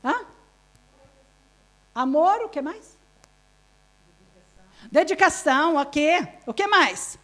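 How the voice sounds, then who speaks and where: A woman's voice: high-pitched, expressive, slow pace, long pauses, pushed and bright. A woman pastor with a Brazilian Portuguese accent, giving a live sermon at a women's conference. She asks the audience questions and laughs often.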